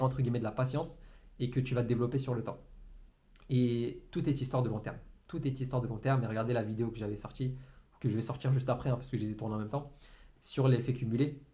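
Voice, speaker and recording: Fast, stumbling motivational man. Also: mid-range voice, dark tone. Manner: fast talker who stumbles and repeats words. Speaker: entrepreneurship trainer. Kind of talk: motivational talk to camera. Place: room, indoors. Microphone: camera in front of him.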